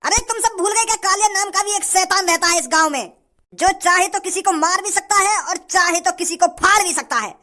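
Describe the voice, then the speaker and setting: A bullying male village bandit from a cartoon, threatening and full of brag, with a woman doing the voice. His voice sits very high. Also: brisk, bright, forceful tone. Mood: angry. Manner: threatening, bragging. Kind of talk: cartoon voice acting.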